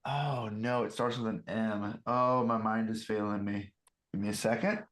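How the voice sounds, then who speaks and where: A man playing in a tabletop game, joking and animated as he describes his character's actions. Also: lowish voice, normal speed. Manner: animated and joking, with lots of restarts. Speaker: player. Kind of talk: casual tabletop play.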